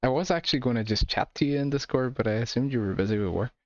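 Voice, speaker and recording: A man with an Irish accent chatting casually with his viewers while streaming a game, relaxed and laughing often. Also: mid-range voice, fast, no room sound, dull audio. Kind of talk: casual gameplay chat with viewers.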